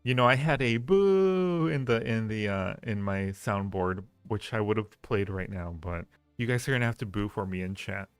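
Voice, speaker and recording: A man hosts a casual livestream, playfully teasing and rambling as he ranks things and repeats his own phrases. His lowish voice has a clean tone with no echo, a normal speed and few pauses. Soft music plays in the background.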